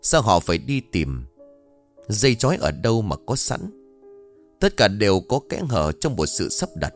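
A man, narrating a story in a dramatic, expressive way. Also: fairly low pitch, normal speed, soft background music.

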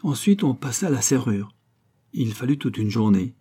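A man reads a short story aloud as an audiobook narrator, measured and steady. His voice is dark and mellow, with a husky grain. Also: mid-range voice.

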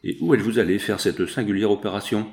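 A man's voice: lowish voice, fast, vocal fry, a little mellow. A man reading aloud, voicing a young dressmaker's fitter who is anxious and scheming, in a lifted voice. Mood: probing.

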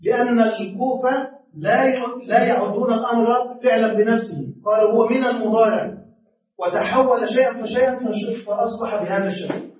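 A man's voice: very high-pitched, steady tone, brisk. A man teaching a grammar class, asking his students questions and then answering them himself. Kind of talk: classroom lesson. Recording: echoey classroom from far off, dull.

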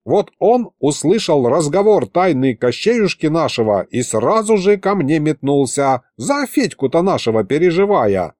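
A man voicing a shrewd, kindly old grandfather who talks slowly in a folksy, coaxing way. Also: fairly high pitch, sing-song, a little mellow, no echo, studio quality. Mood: confiding.

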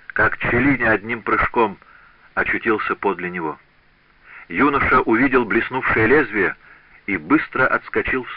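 A man with a low voice narrating a novel, his delivery lively and expressive. The audiobook recording is dull and lo-fi. The sound is dry. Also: no room sound. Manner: expressive literary reading. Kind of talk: scripted narration.

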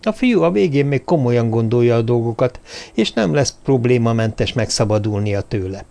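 A man narrating a suspense novel in a steady, measured audiobook reading. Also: mid-range voice, vocal fry.

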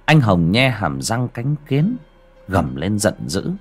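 Low, husky male horror narrator. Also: takes it slowly, soft background music. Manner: dramatic, expressive storytelling.

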